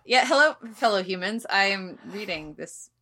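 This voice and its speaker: A woman voicing a stiff angel man who awkwardly fakes being human, in a flat robotic delivery. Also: medium pitch, moderate pace. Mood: stilted. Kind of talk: podcast TV recap chat.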